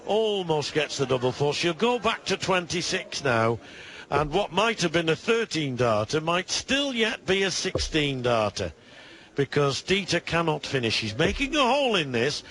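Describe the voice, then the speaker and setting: A man giving live darts commentary, measured and analytical, with considered pauses. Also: fairly high pitch, big pitch swings, a bit bright. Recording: busy crowd behind commentary. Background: darts crowd.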